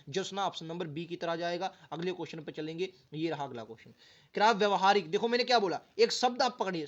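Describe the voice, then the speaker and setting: High-voiced man drilling spelling, lo-fi. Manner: drills words aloud, repeats them syllable by syllable; keeps asking students rhetorical questions. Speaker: teacher. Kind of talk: exam-prep grammar lesson.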